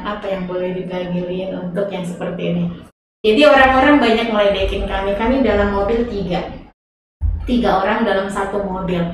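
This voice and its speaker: A woman being interviewed, telling her story in an animated way and slipping English phrases in. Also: mid-range voice, far from the mic, background noise. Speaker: interview guest. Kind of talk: conversational interview. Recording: echoey room, voice off-mic.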